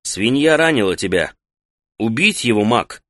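A man voicing a blunt, rough-spoken male warrior in an audiobook. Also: medium pitch, expressive, measured pace, fairly bright tone, dry recording. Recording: dry close studio sound.

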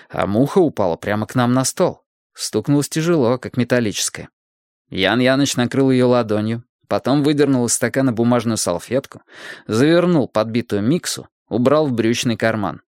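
A man's voice: mid-range voice, lively intonation, normal speed, darkish tone, no room sound, studio quality. A man reading a story aloud as a narrator, animating each character's lines. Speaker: audiobook narrator. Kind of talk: scripted narration.

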